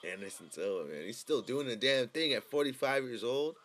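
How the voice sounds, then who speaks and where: A man's voice: mid-range voice, expressive, fairly quick, fairly bright tone, a little hiss or hum. A man giving casual live fight-fan commentary in a sweary frat-bro manner, full of dude and bro slang.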